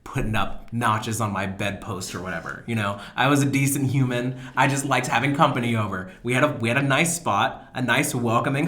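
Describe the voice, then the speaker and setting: A man's voice: medium pitch, fairly bright tone. A young man in his twenties hosts a casual podcast chat. He tells rambling stories about his past with a laid-back, self-mocking ease. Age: 20s. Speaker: podcast host.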